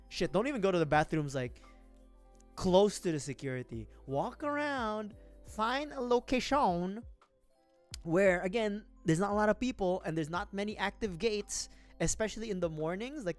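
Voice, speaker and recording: Here a Filipino vtuber in his youth talks casually over faint background music as he builds a model kit, rambling and often breaking into laughter. He sounds animated, with a high-sitting voice and a moderate pace.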